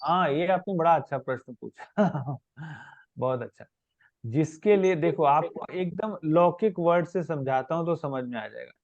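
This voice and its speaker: A man's voice: a little high, measured pace, darkish tone, no room sound, lo-fi sound. A man leading a spiritual question-and-answer class. He explains patiently with everyday examples. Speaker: spiritual teacher.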